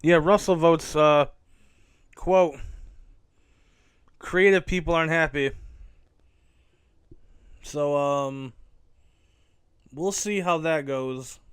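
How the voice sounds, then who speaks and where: A man hosts a casual solo podcast, talking loosely with plenty of cursing and mid-sentence self-corrections. His voice sits a bit high for a man and comes across smooth and clear. The sound is dry and close. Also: extremely slow, pauses often, dry recording. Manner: rambling, self-correcting and profane. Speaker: podcast host.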